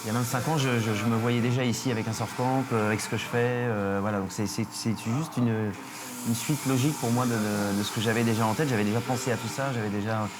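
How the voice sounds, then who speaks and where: A man's voice: medium pitch, fairly even intonation, fast, noisy background. A middle-aged man from France who runs a surf school, talking in a casual interview, hesitant with many fillers and restarts.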